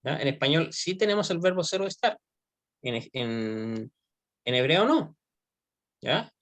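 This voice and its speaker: A man teaching Hebrew grammar in an online class. He speaks at an unhurried pace and keeps pausing to make sure his students are following. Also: on the high side, lively intonation, fairly bright tone. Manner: explains slowly, often checks with "¿ya?".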